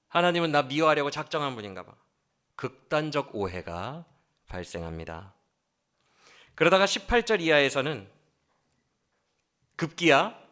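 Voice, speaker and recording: Animated preaching man, bright voice. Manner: animated, keeps asking the congregation questions; acts out quoted pleas with sudden swings in pitch and loudness. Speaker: pastor. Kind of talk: sermon. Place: church sanctuary.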